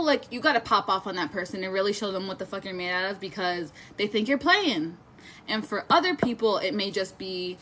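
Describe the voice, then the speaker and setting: A woman in her twenties gives a casual, chatty tarot reading on a live stream, swearing freely and talking to her viewers. Her mid-range voice has a fairly bright tone, with slight background noise.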